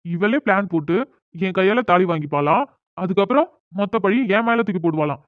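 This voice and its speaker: A proud, quick-tempered young man in a cartoon drama, voiced by a man. He argues fast and bluntly, with a tinny, phone-like sound. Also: high voice, no room sound, close to an everyday voice.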